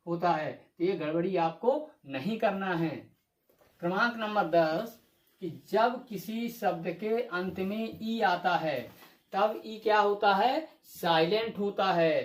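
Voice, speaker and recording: An English teacher giving a video lesson, repeating each rule and asking the viewer rhetorical questions before answering them. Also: medium pitch. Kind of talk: classroom-style video lesson. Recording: echoey room.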